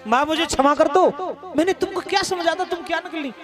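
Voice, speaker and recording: Man doing a polite scholarly visitor, humble, very high voice, music behind. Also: fairly quick. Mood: pleading. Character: learned male visitor, polite, later humbled. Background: instrumental music.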